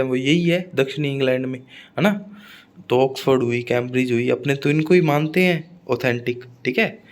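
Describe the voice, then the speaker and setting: A man teaching an exam-prep phonetics lecture, often repeating points and checking in with his students. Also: medium pitch.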